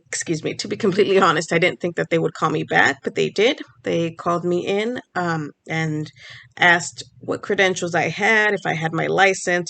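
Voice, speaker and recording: With a gravelly, somewhat low and slightly bright voice, this vlogger, a native Spanish speaker studying speech pathology in grad school, chats casually to camera, explaining things and often restarting her phrases.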